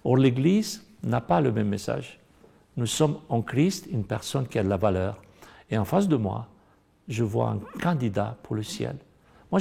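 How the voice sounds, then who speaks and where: A middle-aged man with a Romanian accent speaks in a Bible study discussion, his voice dark and mellow with a gravelly edge. He talks earnestly and builds to emphatic stress on the points he cares about. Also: mid-range voice.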